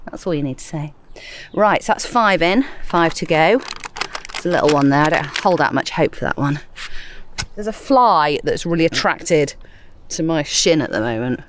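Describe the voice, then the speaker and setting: A woman's voice: low-pitched, expressive, normal speed, slight background noise. A middle-aged woman chatting casually to listeners while planting in her garden, a little out of breath. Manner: chatty, self-amused, talking to listeners while working. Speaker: gardening podcast host. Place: outdoors in a garden.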